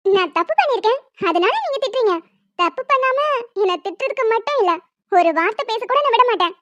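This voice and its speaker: A woman's voice: very high voice, lively intonation, a little fast, a bit bright, no echo, muffled recording. A woman voicing a cheeky young cartoon woman in a superhero costume, coaxing, playful and unbothered. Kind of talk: animated cartoon voice acting.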